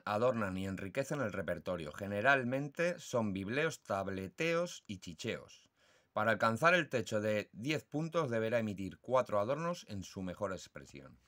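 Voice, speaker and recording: A man's voice: fairly low pitch, fairly bright tone. A man with a Spanish accent teaching the rules for judging songbird calls, imitating the calls aloud. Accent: Spanish (Spain). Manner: slow, deliberate, imitates bird calls aloud. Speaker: birdsong judging instructor. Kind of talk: explanatory lesson.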